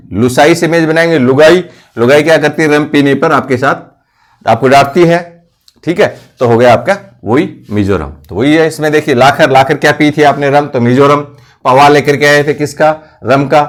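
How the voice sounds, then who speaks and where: A male coaching teacher explaining memory tricks for exam facts. He keeps asking questions and answering them himself, repeating key words. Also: medium pitch. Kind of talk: mnemonic lesson for competitive exams.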